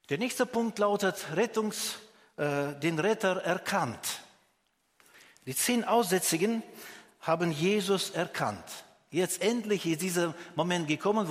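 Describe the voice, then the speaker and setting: Earnest preacher man, long reverb. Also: a little high. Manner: earnest, questioning the listener directly, with restarts. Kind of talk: sermon.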